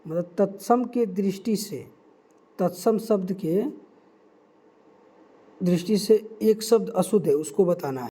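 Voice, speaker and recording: Young guy teacher, highish mellow voice, reads quiz options slow and repeats stuff. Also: husky. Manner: reads options slowly, repeats key words to stress them. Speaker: Hindi exam tutor.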